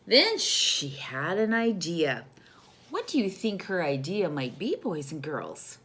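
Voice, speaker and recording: A storyteller reads a picture book aloud to children in a fairly low voice, slowly and with great animation. Her style is expressive and teacherly, and she often speaks directly to the young listeners, asking them questions.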